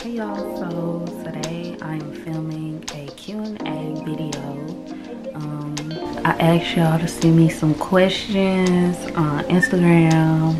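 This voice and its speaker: A young woman in her twenties talks straight to her phone camera in a relaxed, slangy chat. Her voice sits low and unhurried. Clear music plays behind her throughout. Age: 20s. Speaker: vlogger.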